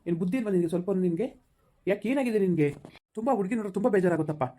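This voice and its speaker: A stern middle-aged office boss who scolds and lectures in a rapid, mellow voice, played by a woman. The words tumble out very fast in a village skit. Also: mid-range voice, expressive, slight background noise, lightly acted. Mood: scolding.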